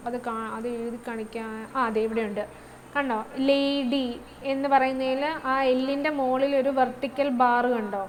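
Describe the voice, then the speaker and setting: Over poor audio with a faint hum beneath, a woman teaches an online class in a high, light voice with fairly even intonation. She moves between English terms and her own language, stopping to make sure her students are keeping up.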